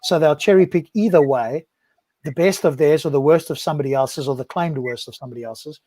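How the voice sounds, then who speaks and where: A man's voice: on the high side, fairly quick, dark tone, no room sound. Dry, close-miked man chatting on a panel show. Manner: chatty, ends points with "right?". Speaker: podcast co-host. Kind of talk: casual panel discussion.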